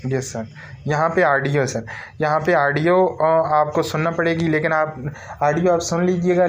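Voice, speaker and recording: A man's voice: a little high, slight background noise. A man with a Pakistani Urdu accent giving a screen-recorded tutorial walkthrough, repetitive and calling his listeners sir. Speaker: online course tutor.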